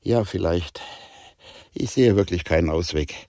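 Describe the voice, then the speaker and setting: A man's voice: sits low, unhurried, mellow, no room sound, studio quality. A man voicing a young hero in an audiobook, earnest and dejected. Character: young male hero, discouraged but resolute.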